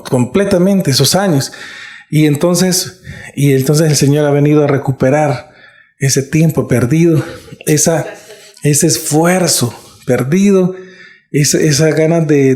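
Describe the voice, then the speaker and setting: A man's voice: a little high, mellow. A middle-aged man preaching a sermon as pastor, earnest and conversational, often checking in with his listeners. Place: church. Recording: echoey church room.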